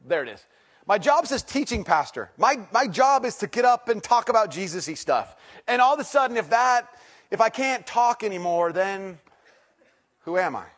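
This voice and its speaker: Speaking at a moderate pace in a high-pitched voice, a middle-aged teaching pastor preaches a sermon to a church congregation. He's chatty and self-mocking, alternating loud excitement with hushed intensity.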